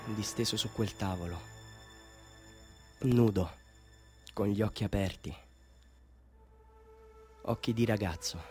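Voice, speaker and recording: Faint music sits behind a slow, hushed, reverent delivery with long pauses and a fairly low pitch. It's an actor playing a bitter, half-mad village man in a theatrical radio drama monologue, alternating between quiet confiding and fervent declaiming as he tells his tale.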